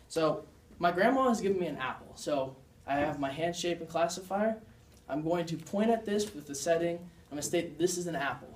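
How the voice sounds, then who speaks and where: A man's voice: a little high, a little hiss or hum. A young man giving a class presentation as a student, explaining and demonstrating signs in an earnest way. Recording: echoey room, mic far off.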